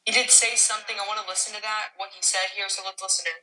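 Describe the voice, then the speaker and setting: A woman hosting a live news stream, halting as she fills time, with her own voice echoing back on a delay from the replayed stream. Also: medium pitch, fairly even intonation, far from the mic, a crowd in the background. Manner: halting, filling time while waiting. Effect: delayed echo of her own voice replaying from the stream. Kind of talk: live breaking news commentary.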